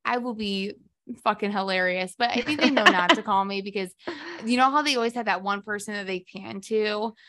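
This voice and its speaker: A woman's voice: mid-range voice, fairly quick, fairly bright tone, slight background noise. A young woman co-hosting a podcast in casual, chatty conversation, swearing freely. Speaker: podcast co-host. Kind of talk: casual chat.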